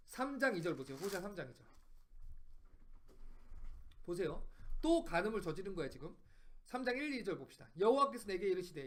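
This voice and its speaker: High-voiced man preaching a Bible lesson. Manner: emphatic, fires rhetorical questions at listeners; repeats phrases for emphasis. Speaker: Bible study teacher.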